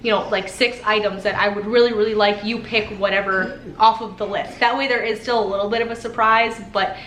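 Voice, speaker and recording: In an echoey home kitchen with faint room noise, a young homestead cooking vlogger chats casually in a mid-range, steady voice that's fairly quick and a bit bright. She's upbeat and tends to ramble, and a head cold leaves her a little congested.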